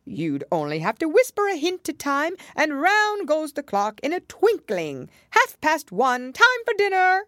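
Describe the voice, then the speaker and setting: A woman voicing a mad male Hatter in a storybook, argumentative and mournful, with a loud theatrical delivery. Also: sits high, wildly swooping pitch, unhurried, hardly any pauses, no room sound, clean studio sound, pitched above the performer's own voice, exaggerated voice. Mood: contemptuous, boastful.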